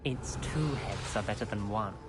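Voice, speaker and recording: A man's voice: on the low side, normal speed, natural voice. An actor playing an earnest, cautious young male wizard student who can speak to snakes, in video game dialogue over game music.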